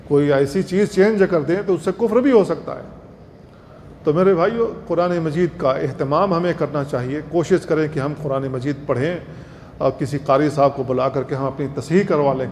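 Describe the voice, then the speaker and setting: Male religious lecturer, high voice, instructive and repetitive, long reverb with faint hiss. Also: darkish tone. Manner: earnest, instructive, repeats points, demonstrates recitation slowly. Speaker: Islamic scholar, lecturer.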